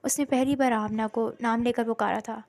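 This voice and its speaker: A woman narrating a romantic storybook in a steady, dramatic reading voice. Her pitch sits a little high. The sound is dry and close, with no room echo. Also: gravelly.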